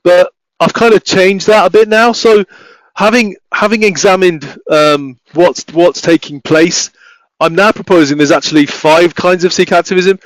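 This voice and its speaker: A man giving an academic talk, speaking haltingly with many restarts and fillers. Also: sits high, no echo, poor audio. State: voice failing, coughing. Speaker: academic researcher presenting.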